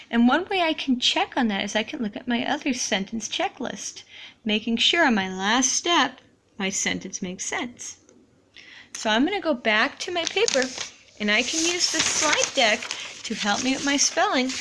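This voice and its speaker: A woman teacher slowly modeling how to write sentences for young students, in a deliberate, encouraging classroom manner. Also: high-pitched, lively intonation, bright, forceful tone.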